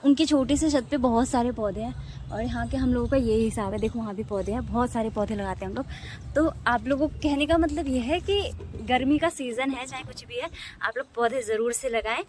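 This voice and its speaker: A woman chats casually to her phone camera on an open rooftop, looping back over her own phrases and checking in with little tag questions. Her voice sits a bit high. The phone picks up plenty of wind and outdoor noise around her. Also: a little fast, a little mellow. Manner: chatty, repeats phrases, frequent tag questions. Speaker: vlogger. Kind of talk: casual vlog chat. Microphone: phone camera, no external mic.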